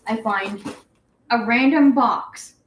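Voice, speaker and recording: A woman's voice: on the high side, slow, a little hiss or hum. A young adult woman hosting a casual home livestream, rambling as she reads viewer comments aloud. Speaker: guinea pig channel host. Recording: echoey room.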